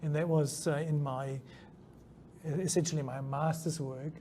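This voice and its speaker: His voice is a little high, creaky and dark, steady and unhurried. The middle-aged scientist, German-born with a New Zealand accent, stumbles through interview answers with ums and restarts at a conference venue, faint background noise in the recording.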